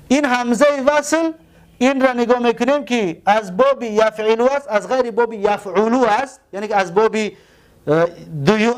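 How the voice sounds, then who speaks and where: Tajik-accented male teacher, fairly high voice, walks through each step, quizzes himself aloud. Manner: explains step by step, asks and answers his own questions. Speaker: Arabic grammar teacher. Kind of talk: classroom lesson at a board.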